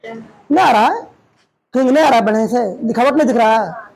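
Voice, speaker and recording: A man teaching a class, loudly quizzing students and retelling a story in dialect. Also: very high voice, fairly quick, creaky, rough recording. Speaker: coaching centre teacher. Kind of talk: classroom Hindi lesson with quizzing. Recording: faint room noise and chatter.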